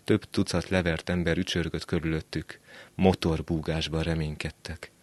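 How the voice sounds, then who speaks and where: A man reading a short story aloud on a literary radio show, measured and quiet. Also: rumbling low, level tone, no echo. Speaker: reader.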